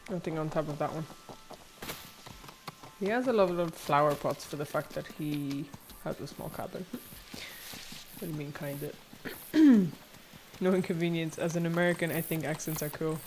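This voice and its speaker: A young woman with an Irish accent chatting casually while playing a game, chatty and prone to excited squeals. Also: low voice, moderate pace, pauses often, a little hiss or hum. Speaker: game streamer. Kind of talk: casual gameplay commentary. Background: game music.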